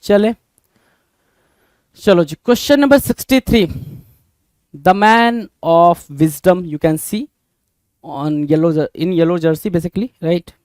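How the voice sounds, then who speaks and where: High-voiced Indian man teaching vocabulary. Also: extremely slow, long pauses, darkish tone, clear, resonant tone, no echo. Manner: keeps asking the class rhetorical questions, calls them "bhai". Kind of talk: exam-prep vocabulary lesson.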